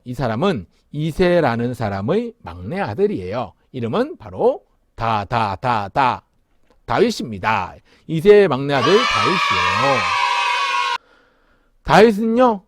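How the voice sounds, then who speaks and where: A man's voice: a little high, no room sound, studio quality. A male pastor giving a children's sermon in a sing-song way, leading the kids in call-and-response.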